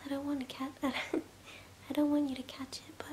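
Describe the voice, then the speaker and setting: A woman in her twenties, an ASMR performer, whispers a role-play as a sleepy, affectionate girlfriend comforting her partner in bed in a small bedroom. Her higher-pitched voice is soft, soothing and intimate, with flat delivery at a moderate pace, close-miked to the mouth with clear background hiss and ambience.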